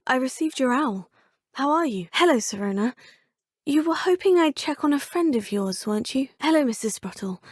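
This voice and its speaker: Voicing a courteous fifth-year student witch as the player character, an actress delivers formal game lines, calling her teachers sir and professor. Her high-pitched voice is husky and expressive, at a normal pace. The sound is clean studio audio from a close mic, free of echo.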